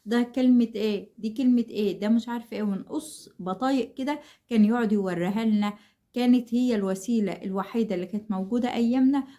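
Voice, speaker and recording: A woman with an Egyptian Arabic accent, a reading tutor giving brisk, encouraging advice to mothers and repeating simple examples. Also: mid-range voice, mellow. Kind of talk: instructional talk to parents.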